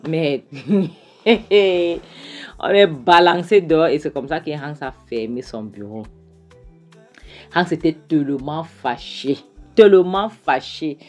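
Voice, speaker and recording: Low-voiced woman retelling a film. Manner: lively, with chatty asides to viewers. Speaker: film recap host. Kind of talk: animated film recap.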